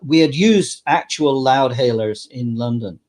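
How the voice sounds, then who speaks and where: A man's voice: medium pitch, darkish tone. Rambling older man, full of restarts. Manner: rambling, halting, many restarts. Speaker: interview guest, clown performer. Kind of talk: reminiscing interview talk.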